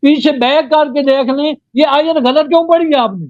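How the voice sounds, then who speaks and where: High, very dry-sounding male cleric, debating live, corrects opponent with lecturing tone, muffled line. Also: no echo.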